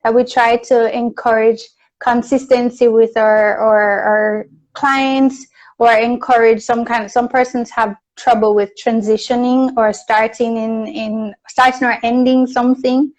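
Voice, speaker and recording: A woman with a Jamaican accent hosting a casual live video chat, friendly and quick to laugh. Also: a little high, flat delivery, darkish tone, poor audio. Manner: friendly, laughs easily, slow and deliberate. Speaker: host. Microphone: video call.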